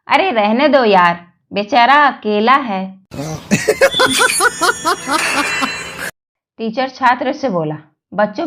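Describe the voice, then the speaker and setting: A woman reading a series of short jokes aloud, telling them slowly and evenly with the quoted lines. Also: a little high, roomy sound. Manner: slow, even joke telling with quoted lines. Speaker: joke narrator.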